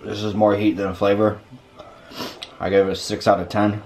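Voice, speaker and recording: A man's voice: on the low side, flat delivery, normal speed, darkish tone, slight background noise. A young man hosting a casual food vlog from his home kitchen, laid-back and rambling as he tastes and rates. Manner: laid-back, rambling, tasting between remarks. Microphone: camera mic, webcam framing.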